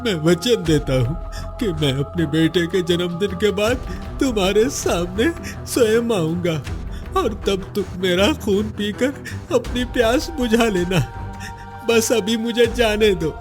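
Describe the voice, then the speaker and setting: Brief: man as an honest poor villager, emotional and begging, high-pitched. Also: slow pace, over music. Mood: earnest. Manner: pleading, emotional. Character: poor honest village father, desperate and pleading. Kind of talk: cartoon voice acting.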